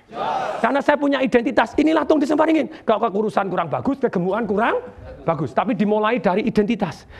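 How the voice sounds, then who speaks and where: High, gravelly motivational speaker. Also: male voice. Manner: energetic, questions the audience and waits for replies. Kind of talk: motivational seminar talk. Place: TV studio stage with live audience.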